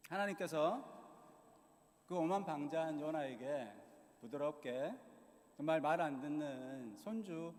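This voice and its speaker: A middle-aged man preaching a sermon in a church, telling the stories in a lively way and acting out the voices of the people in them. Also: a little high, a little slow, pauses often. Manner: animated storytelling, acting out quoted voices. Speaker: missionary preacher. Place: church hall. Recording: long hall reverb in a church.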